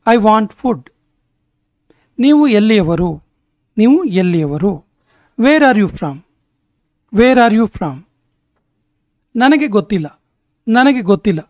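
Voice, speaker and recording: A man teaching spoken English, saying each short sentence twice in a slow, deliberate way. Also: high voice, a little mellow, dry recording, clean studio sound. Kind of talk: spoken language lesson.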